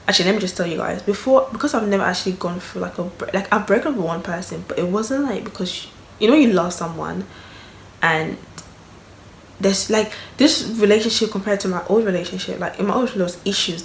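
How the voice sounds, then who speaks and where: A young woman telling a personal story in a candid vlog, rambling and emotional, full of fillers. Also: fairly low pitch. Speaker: vlogger. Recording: echoey room, faint background noise.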